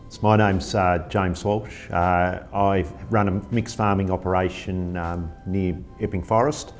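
A man's voice: low voice, fairly even intonation, unhurried, faint music behind. A middle-aged man, a farmer explaining his work in an office interview, thoughtful and explanatory. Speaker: farmer and business partner. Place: office meeting room.

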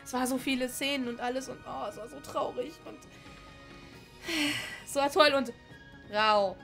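She has a high, bright voice and talks in a chatty, gushing way, like a let's-play gamer sharing every reaction as it comes. Soft game music plays faintly underneath her. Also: unhurried, gravelly. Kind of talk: casual commentary over gameplay.

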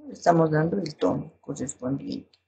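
A woman teacher with a Bolivian Spanish accent, explaining a lesson slowly and reading examples aloud. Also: low-pitched, vocal fry, dark tone, husky, muffled recording. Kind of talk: recorded class lesson.

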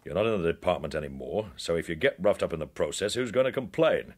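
Here a man plays a sardonic, threatening interrogator from the British secret service for a radio crime drama. His delivery is measured and insinuating, and his expressive voice sits low.

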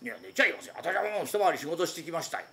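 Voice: mid-range voice, expressive, rapid-fire, gravelly, pushed and bright, exaggerated voice. A rakugo storyteller voicing a patient working man who politely coaxes his idle lodger toward finding a job. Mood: chiding.

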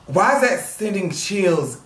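A young man hosting a movie reaction video, loud and dramatic, swearing and shrieking at the screen. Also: sits high, very animated, takes it slowly, reverberant, far from the mic.

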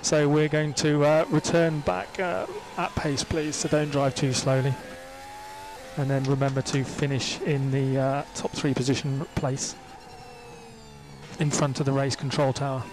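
A man's voice: medium pitch, little pitch movement, a little slow. Male race engineer on noisy race car radio. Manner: polite, procedural. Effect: team radio. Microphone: headset radio mic. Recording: team radio with clear vehicle noise.

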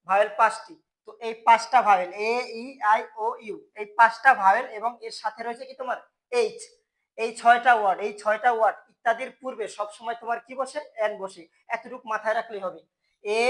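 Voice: medium pitch, fairly bright tone. A teacher with a Bangladeshi Bengali accent, giving a grammar lesson to school students and answering his own questions. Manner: asks the class questions and answers them himself.

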